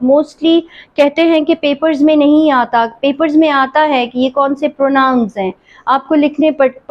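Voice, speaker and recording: A woman teaching an English grammar lesson, reading quiz sentences slowly and explaining them quickly in between. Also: high-pitched. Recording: dull lo-fi sound.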